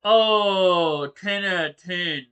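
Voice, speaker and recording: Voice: mid-range voice, drawn-out words, sharp tone, clear, resonant tone. A reaction host giving casual commentary on a horror story, blunt and exclamatory, with frequent swearing.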